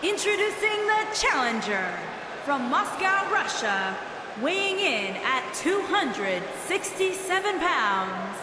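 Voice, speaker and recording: A woman's voice: high voice, sing-song, takes it slowly. A woman ring announcer giving formal, grand introductions of wrestlers and drawing out the names. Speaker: boxing-style ring announcer. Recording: noisy, echoing hall with long reverb.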